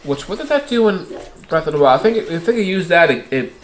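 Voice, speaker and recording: A man's voice: on the high side, big pitch swings, fast talker, slight background noise. A man giving casual let's-play commentary, swearing often and ranting irritably at the game. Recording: roomy echo with game music. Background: game music.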